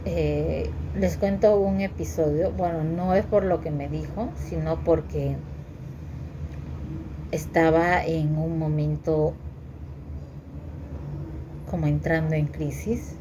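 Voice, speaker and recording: A woman telling a personal story to her viewers in a halting way, repeating words and using many fillers. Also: low voice, steady tone, background noise. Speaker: vlogger sharing her story.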